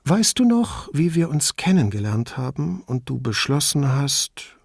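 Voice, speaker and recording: A man's voice: medium pitch, big pitch swings, measured pace, creaky, breathy edge, no room sound, voice pushed up, exaggerated voice. A man reading the part of a witty wife who teases her husband in a playful, dry way, in a slightly raised voice. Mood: teasing. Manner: wry, playful teasing. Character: witty teasing Italian wife, adult woman.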